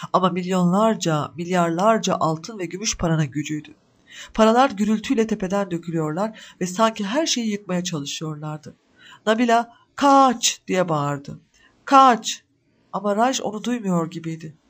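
A man reading a story aloud as narrator, in a measured, dramatic storytelling manner. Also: high voice.

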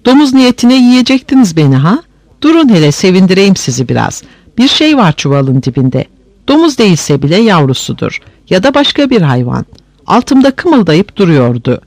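A man's voice: high-pitched, sing-song, normal speed, dry recording, pitched above the performer's own voice. A man voicing a sly, mocking older village man in a read-aloud story, teasing and gloating.

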